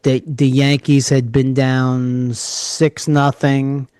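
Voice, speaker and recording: A man with a New York area accent, co-hosting a casual podcast and telling stories in an animated, joking way. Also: mid-range voice, slow, smooth, no room sound. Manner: animated storyteller, jokey. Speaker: podcast co-host.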